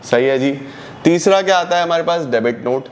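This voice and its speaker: A young man teaches an online accountancy class. He explains each point step by step, asking questions and then answering them himself. He reads English definitions slowly and then explains them in Hindi. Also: fairly high pitch, slight background noise. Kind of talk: online lesson.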